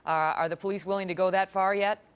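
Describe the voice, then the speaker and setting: A woman's voice: mid-range voice, steady tone, quick pace, clean tone, lo-fi sound. A woman as a news anchor in a live TV interview, pressing her guest with persistent questions.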